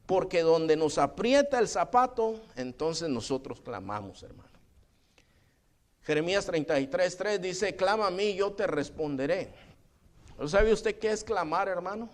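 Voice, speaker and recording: A man preaches a sermon in a fairly high voice. He keeps turning to his listeners as brothers, and his asides drop to a quiet mutter. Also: animated, measured pace. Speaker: pastor.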